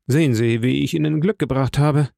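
A man's voice: medium pitch, fairly quick, gravelly, mellow, no echo, studio quality, close to an everyday voice. A man voicing an earnest, heartfelt young army captain.

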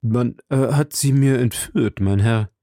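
A man's voice: medium pitch, a little slow, dark tone, dry recording, clean studio sound, close to an everyday voice. A man voicing a timid, frightened middle-aged male shopkeeper who speaks hesitantly and pleads anxiously.

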